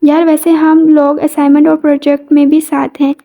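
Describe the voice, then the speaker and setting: An awkward, well-meaning young male student who makes clumsy, earnest remarks, as a woman reads him. The voice is high and mellow. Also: level tone, moderate pace.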